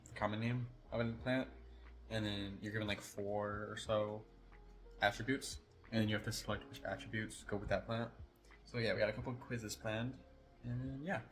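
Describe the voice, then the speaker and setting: A young man talking casually to camera in a devlog, relaxed and rambling as he explains his work. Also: on the low side. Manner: relaxed, rambling, self-correcting. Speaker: vlogger and self-taught developer.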